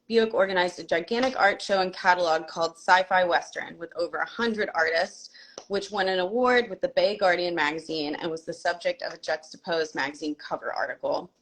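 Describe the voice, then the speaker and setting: A woman's voice: mid-range voice, a bit bright. A young adult woman hosting a live video-call interview, friendly and hesitant, full of fillers. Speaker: host.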